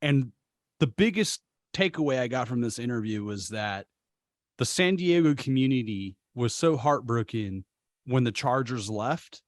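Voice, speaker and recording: A man's voice: mid-range voice, animated, measured pace, dry recording, clean studio sound. A man co-hosting a casual sports podcast, talking in long impassioned rants and swearing freely. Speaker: podcast co-host.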